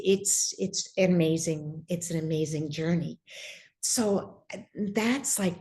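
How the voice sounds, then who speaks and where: Woman guest, low-pitched, reflective personal testimony with halting restarts. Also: dark tone. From Irish heritage. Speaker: guest sharing spiritual story.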